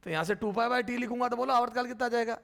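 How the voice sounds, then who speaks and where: A man teaching a physics lecture at the board, calling students "beta", asking and answering their questions himself, and repeating terms slowly while he writes. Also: very high-pitched, steady tone, gravelly, fairly bright tone.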